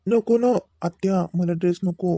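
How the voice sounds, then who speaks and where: A woman's voice: on the low side, measured pace, mellow, no room sound, clean studio sound. A woman voicing a reluctant schoolboy nephew who pleads for a game in a comedy sketch. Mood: pleading.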